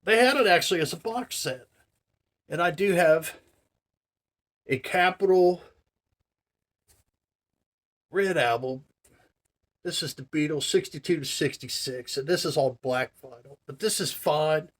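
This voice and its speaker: Speaking unhurriedly and pausing often, a forties-aged male vlogger uses a slightly high, fairly bright voice. He meanders through a casual monologue packed with "you know" and "man," marvelling earnestly as he goes.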